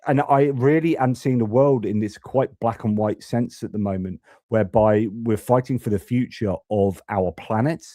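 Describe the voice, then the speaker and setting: Politics gets a casual rant from this young British man hosting a live news stream, who often restarts sentences and stammers repeats. His voice is low and mellow, captured dry with clean studio quality.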